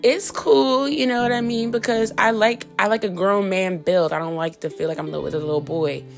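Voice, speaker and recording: A woman's voice: mid-range voice, fairly even intonation, normal speed, creaky, faint music behind. A woman in her thirties hosting a solo podcast, talking candidly and frankly in a chatty way full of fillers, with hiccups and coughs. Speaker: podcast host. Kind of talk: casual solo podcast monologue.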